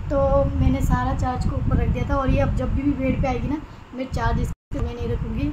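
A woman's voice: high voice, level tone, a little fast, dull audio, very noisy. A young woman chatting casually in a home vlog, rambling fondly about her pet bird. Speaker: vlogger. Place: home, indoors.

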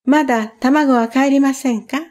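A woman reading a storybook aloud and voicing a polite, gently boastful expectant mother cow. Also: high-pitched, steady tone, a little slow, voice pushed up. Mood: proud.

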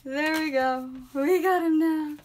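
High-voiced young woman chatting brightly. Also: takes it slowly, slight background noise. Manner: chatty, upbeat, names each card aloud, bursts of excitement at good pulls. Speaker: live stream host opening card packs. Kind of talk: casual live-stream chat. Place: small home room with a desk.

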